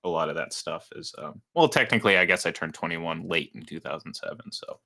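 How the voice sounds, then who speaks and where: A man in his thirties co-hosts a casual sports radio show, rambling along with frequent restarts and filler words. His voice is low, gravelly, and sharp, and he speaks fairly quickly.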